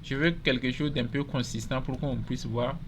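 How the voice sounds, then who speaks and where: Male tutorial host, mid-pitch, relaxed step-by-step talk, faint background hiss. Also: moderate pace. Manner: casual step-by-step explaining, repeats himself. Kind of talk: screen-recorded software tutorial.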